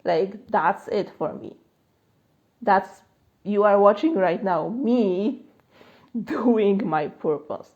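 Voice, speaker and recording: A Polish-accented woman life coach answers live-stream chat questions at a slow pace with long pauses, her medium-pitched voice a little mellow. She's chatty, full of fillers, and laughs often. The phone recording is lo-fi.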